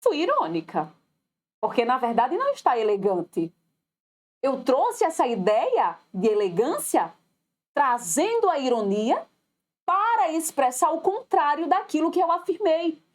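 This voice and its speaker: A woman's voice: sits high, big pitch swings, unhurried. A woman teaching a recorded online lesson with a Brazilian Portuguese accent, who talks straight to her students and acts out the voices she quotes.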